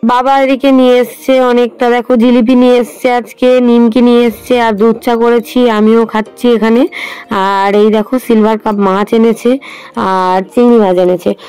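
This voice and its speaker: A woman with a Bengali accent, a mother of twins, chatting casually about family life at home, her voice a little hoarse. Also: a little high, flat delivery, normal speed, dark tone, soft background music, rough recording. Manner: chatty, narrating daily life to viewers. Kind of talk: casual family vlog chat. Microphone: handheld phone camera.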